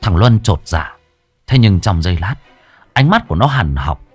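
A man's voice: low voice, big pitch swings, moderate pace, husky, no echo, soft background music. Dramatic male storyteller. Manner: vivid, emphatic, rising with the action. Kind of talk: dramatic horror-story narration.

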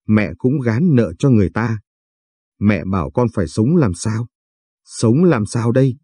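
A man voicing a young woman just out of high school who bitterly reproaches her mother. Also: animated, unhurried, dark tone, husky, no echo, clean studio sound.

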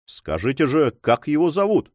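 Guy playing upset young noble, earnest, worked up, lively voice, audiobook. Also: on the high side, normal speed, no room sound, clean studio sound, voice pushed up. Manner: agitated, earnest. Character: distraught, emotional young nobleman.

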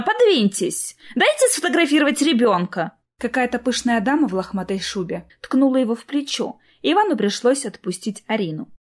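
A woman narrating a novel in an even storytelling manner. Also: on the high side. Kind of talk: audiobook narration.

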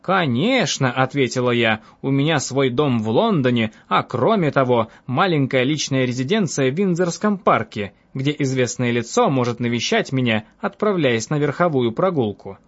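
A man's voice: mid-range voice, expressive, moderate pace, few pauses. A man voicing a cunning, bold young woman who tells her escapade with mocking self-assurance. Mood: amused scheming. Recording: dull lo-fi audiobook with faint music.

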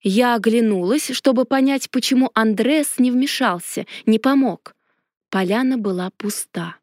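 A woman narrating a fantasy storybook in a lively first-person telling. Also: on the high side, unhurried, no room sound, studio quality. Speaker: audiobook narrator.

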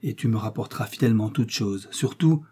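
Male reader doing anxious older innkeeper's wife, pleading, mellow and husky. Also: fairly low pitch, brisk. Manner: fretful, pleading. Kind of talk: audiobook character reading.

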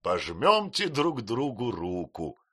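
A man voicing a sinister gentleman who talks in a laughing, ingratiating way. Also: mid-range voice, huge pitch swings, slow, husky, full character voice. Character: dark sinister gentleman, falsely jovial.

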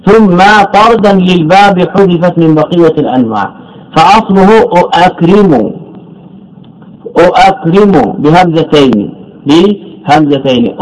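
A man's voice: on the high side, darkish tone, poor audio. A man teaching as a sheikh in a lecture, asking the class questions, answering them himself and repeating key words. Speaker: sheikh teaching Arabic morphology. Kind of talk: classroom lecture, explaining a text.

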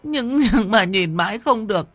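A woman's voice: medium pitch, animated, moderate pace, breathy edge, no room sound, voice pushed up. A man voicing a guilt-ridden older woman who is crying, stammering and begging in an audiobook. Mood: sobbing confession. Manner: stammering, wailing, pleading. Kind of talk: audiobook character voice.

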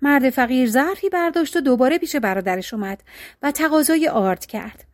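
A woman narrating a folk tale with an expressive storybook cadence. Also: sits high, no room sound, clean studio sound.

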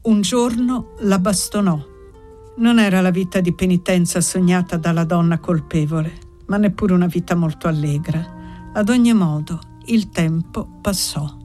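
A woman reads a classic novel in a measured, unhurried narration with long pauses. Her voice is low and mellow, and faint music lies under the reading. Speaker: audiobook reader. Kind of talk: literary audiobook narration.

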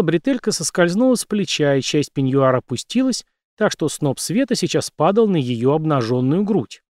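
A man's voice: fairly high pitch, a little mellow, no room sound, clean studio sound. Man narrating a thriller audiobook.

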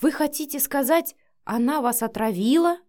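A woman's voice: high-pitched, moderate pace, pitched above the performer's own voice, lightly acted. A woman voicing a short-tempered adult father in an audiobook, speaking curtly and giving orders. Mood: stern. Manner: curt, commanding, flares into shouting. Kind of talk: audiobook character voice.

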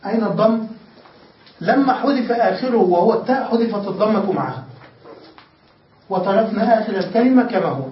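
A man, a sheikh, teaching an Arabic grammar lesson, asking his students questions and repeating examples slowly. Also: high-pitched. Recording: roomy, distant, dull lo-fi recording.

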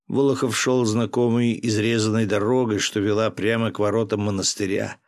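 Low-voiced male audiobook narrator. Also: flat delivery, moderate pace, no room sound, studio quality. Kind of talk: audiobook narration of historical fiction.

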